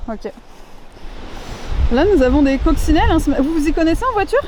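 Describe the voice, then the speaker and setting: Excitable young woman vlogging over music. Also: sits high, brisk. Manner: excitable, exclamatory, chatty. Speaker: urbex vlogger. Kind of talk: casual vlog chat while exploring. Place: outdoors at abandoned sites. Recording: clear background music.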